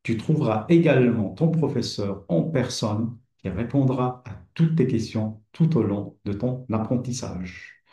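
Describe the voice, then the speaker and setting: A middle-aged man from Kabylie, Algeria, an Arabic teacher who founded his own platform, delivers a scripted promotional presentation. His mellow, mid-range voice is a little slow, calm and persuasive as he addresses the listener informally, in an echoey room.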